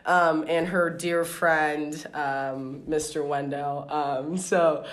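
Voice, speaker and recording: Low voiced girl hosting her podcast, rambly, giggles a lot. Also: steady tone, slow pace, a little hiss or hum. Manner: giggly, rambling with many fillers. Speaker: podcast host. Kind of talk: casual podcast chat. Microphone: remote call.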